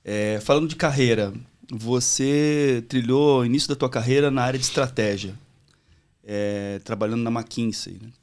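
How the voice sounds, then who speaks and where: A man co-hosting a podcast interview, asking a guest several questions in quick succession. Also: medium pitch, darkish tone, clean tone. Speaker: podcast co-host.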